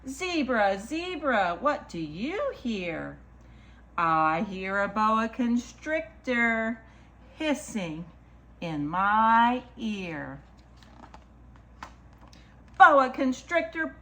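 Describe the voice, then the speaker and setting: As a children's story time reader, this woman reads a picture book aloud to little ones, going slow and deliberate with singsong repetition and simple asides aimed straight at them. Her voice is a little high, sing-song and fairly bright.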